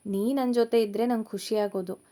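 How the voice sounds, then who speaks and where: A woman voicing a gentle young college man. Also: on the high side, steady tone, brisk, lightly acted. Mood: affectionate. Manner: gentle, reassuring. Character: affectionate young male college student.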